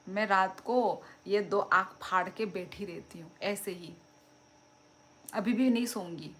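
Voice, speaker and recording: Slow-talking young woman chatting on a live stream. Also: medium pitch, fairly bright tone, a little hiss or hum. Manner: chatty, reads out and answers viewer comments with frequent laughter. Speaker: livestream host. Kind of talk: casual live-stream chat.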